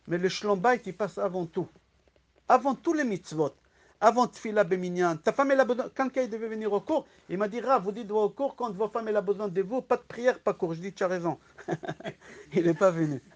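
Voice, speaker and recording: A rabbi teaches a class in a voice that sits high for a man, with a slight lisp, at a moderate pace and with frequent pauses. He turns the lesson into lively stories, poses rhetorical questions and imitates the voices of those he quotes.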